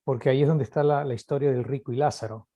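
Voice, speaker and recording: A man's voice: medium pitch, steady tone, quick pace, muffled recording, a crowd in the background. A man taking part in a Bible study, asking questions and arguing his point. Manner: inquisitive, argues his point.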